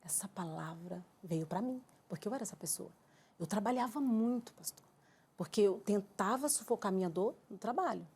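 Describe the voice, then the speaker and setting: A Brazilian woman giving an emotional church testimony, telling her story with lively acted-out dialogue. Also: mid-range voice, normal speed, husky. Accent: Brazilian Portuguese. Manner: animated storyteller acting out her own quoted dialogue.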